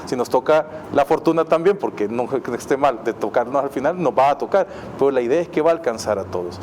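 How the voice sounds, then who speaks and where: Enthusiastic Salvadoran man, mid-pitched. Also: animated, fast talker, a little mellow, a little hiss or hum. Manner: enthusiastic, rambling, with repeated fillers. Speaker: guest, city mayor. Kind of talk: casual TV interview.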